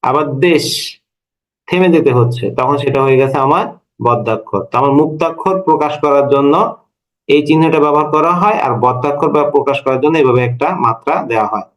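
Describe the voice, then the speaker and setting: A man's voice: medium pitch, fast talker, low-quality recording. Man lecturing a class step by step. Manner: explains step by step, asks the class questions. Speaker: Bengali language lecturer.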